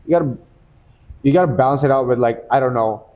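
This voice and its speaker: A man from the Philippines, a professional MMA fighter guesting on a podcast, chatting in a relaxed, slangy way and calling people "bro". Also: medium pitch, fast talker. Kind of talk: casual podcast chat.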